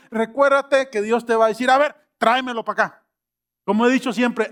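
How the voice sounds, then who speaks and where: A man's voice: very high-pitched, fairly bright tone, smooth. A middle-aged man preaching a sermon, acting out quoted voices and rising to emphatic peaks. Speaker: pastor.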